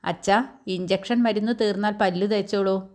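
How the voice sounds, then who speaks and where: A woman's voice: medium pitch, fairly even intonation, moderate pace, darkish tone, close to an everyday voice. A woman voicing a kind young female nurse who talks to a patient in a soothing, coaxing way. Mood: gently firm.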